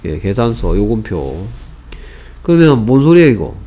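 A man teaching an English grammar lesson, often asking whether students follow and slowly repeating example sentences. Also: fairly low pitch, sing-song, dark tone, slight background noise. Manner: asks rhetorical check questions, repeats example sentences slowly.

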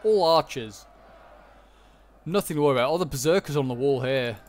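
A man's voice: mid-range voice, animated, fairly quick, darkish tone, some chatter behind. A man giving casual commentary on a strategy game battle, thinking aloud as he watches. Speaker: gaming commentator. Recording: noticeable background noise, game ambience. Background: video game battle ambience.

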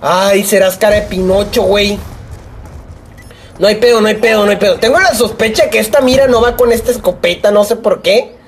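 Profane Mexican man yelling at a shooter game. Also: high-pitched, brisk, slight background noise. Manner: profane, excitable, yells at opponents; rambling jokey asides. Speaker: gaming YouTuber. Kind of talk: live gameplay commentary.

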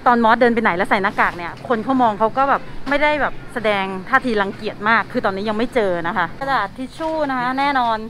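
A woman's voice: on the high side, fast, hardly any pauses, fairly bright tone. A young woman vlogging in a supermarket, talking through a face mask in a chatty, playful way. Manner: chatty and playful, talks to viewers. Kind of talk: casual vlog narration. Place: supermarket, indoors. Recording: noisy store background.

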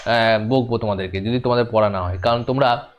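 A man giving a demo class to students, explaining slowly and repeating each point as he speaks to them directly. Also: on the low side, lo-fi sound. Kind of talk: classroom lesson.

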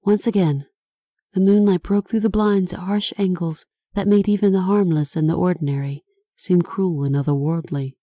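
A woman narrating her own horror novel with a mellow, relaxed tone and a dramatic, expressive delivery. The recording is close and dry, with no room sound. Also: on the low side, normal speed, no echo. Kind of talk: scripted audiobook narration.

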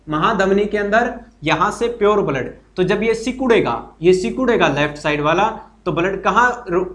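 A man's voice: high voice, a bit bright. A man teaching a live online exam-prep class, chatty and encouraging, who repeats each point, quizzes his students and answers their comments. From Haryana, India. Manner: greets viewers and reads their comments aloud.

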